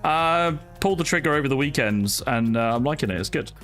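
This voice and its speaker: With music playing at his home streaming setup, a young sim racing streamer who isn't from Wales greets viewers by name and chats loosely, full of fillers. He sounds mid-range, animated, brisk and a bit bright.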